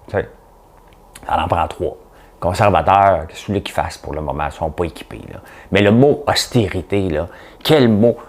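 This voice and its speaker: A man's voice: low voice, expressive, moderate pace. A man with a Québécois accent hosting a casual news commentary show, rambling and jokey with lots of fillers. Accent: Québécois French.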